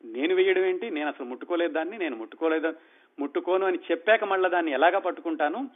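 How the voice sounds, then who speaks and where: A stubborn, sulking young husband, as a male storyteller puts him on, snapping back in indignant, insistent retorts. The voice sits a little high. It comes through a thin, phone-like band. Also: quick pace, close to an everyday voice. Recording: tinny phone-like sound.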